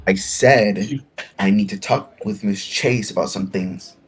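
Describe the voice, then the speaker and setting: A man's voice: fairly low pitch, unhurried, slightly rough, faint music behind. A man voicing a stern large female reptile teacher in a voice-chat role-play reading, speaking in a stiff, formal, scolding way.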